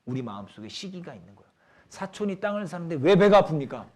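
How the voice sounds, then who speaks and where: A young adult man preaching a youth sermon, animated, acting out quoted people in lively voices. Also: fairly high pitch, quick pace.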